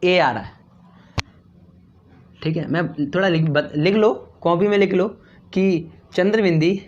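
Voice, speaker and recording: A man teaching Hindi spelling, repeating each word slowly and asking and answering his own questions. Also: high voice. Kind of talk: slow classroom explanation. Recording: dull lo-fi recording.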